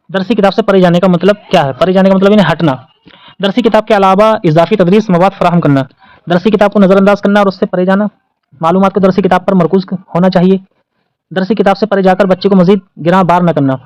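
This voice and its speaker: A man with an Indian Urdu accent talks through exam questions like a patient tutor. He reads out each option again and then answers his own questions. His voice sits high and rings smooth and clear, recorded dry and close with no room sound. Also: steady tone, darkish tone, no echo, low-quality recording. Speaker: exam-prep teacher. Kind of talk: explaining test questions.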